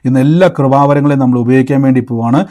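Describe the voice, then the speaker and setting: A man's voice: mid-range voice, fairly even intonation, rapid-fire, mellow. A man preaching a live-streamed sermon, asking emphatic questions and leading the listeners in repeated declarations. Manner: emphatic, rising questions and call-and-response.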